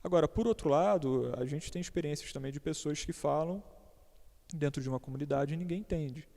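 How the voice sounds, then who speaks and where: Brisk and warm, with a fairly high pitch and some vocal fry, a Brazilian church teacher speaks on a panel in a church hall. He explains the church topic in a chatty, halting way, in a Brazilian Portuguese accent, often repeating himself and tossing in casual remarks. The hall's reverb is long.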